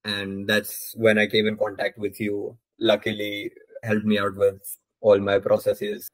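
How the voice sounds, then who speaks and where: A man's voice: on the low side, monotone, unhurried, low-quality recording. Young man with a polished Indian accent. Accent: educated Indian. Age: young adult. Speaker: podcast guest. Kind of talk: conversational interview answers.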